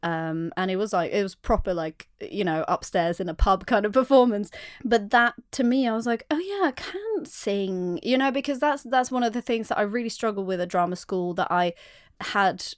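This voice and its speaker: A woman's voice: mid-range voice, fairly even intonation, a little fast, dry recording, clean studio sound. A young woman, an actor and singer, talking candidly as a podcast guest, telling her story with many restarts. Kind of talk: casual podcast interview.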